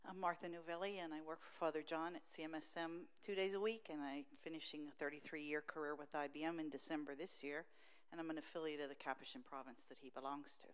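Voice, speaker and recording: Middle-aged woman from Pennsylvania, quick-spoken with a smooth, crisp voice, matter-of-fact self-introduction. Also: low-pitched, steady tone. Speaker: office staff at a religious conference.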